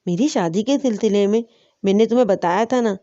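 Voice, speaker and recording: A woman's voice: mid-range voice, warm tone, lightly acted. Brief: woman voicing a selfish young man, pushy and coaxing, dull audio. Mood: pressing. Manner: pressing, coaxing.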